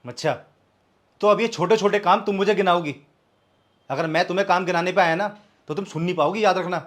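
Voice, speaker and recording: In this short-film scene, the actor's voice sits high and sounds natural, speaking fairly quickly with anger. He plays a proud, hurt young man who defensively argues with his live-in partner before turning cold and bitter and walking out.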